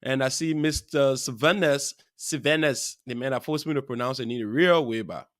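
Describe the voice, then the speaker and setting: A man hosting a live talk show, rambling through chatty shout-outs to viewers with frequent chuckles. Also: medium pitch, fairly quick, no room sound, clean studio sound. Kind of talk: casual live-show chat. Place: studio.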